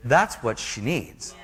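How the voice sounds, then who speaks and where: A man's voice: mid-range voice, fairly bright tone. A man giving an earnest, casual testimony in a preaching style, full of slang.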